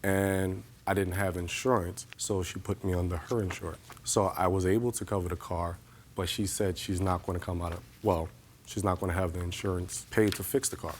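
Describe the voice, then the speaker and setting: A man with a very low voice answers a judge as a plaintiff. He sounds defensive and insistent, with faint noise behind him. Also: flat delivery, brisk. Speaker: plaintiff in TV court.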